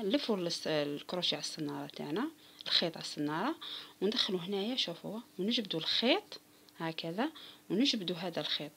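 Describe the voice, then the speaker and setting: Speaking straight to her viewers, a woman with an Algerian Arabic accent teaches crochet step by step and counts stitches aloud with patience. She's a crochet instructor whose lowish voice is a bit bright and slightly rough.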